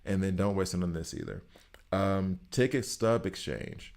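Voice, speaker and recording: A man's voice: low-pitched, moderate pace, gravelly, darkish tone. A man from Alabama with a Southern US accent gives casual game commentary to viewers, repeating phrases for emphasis. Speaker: gaming content creator.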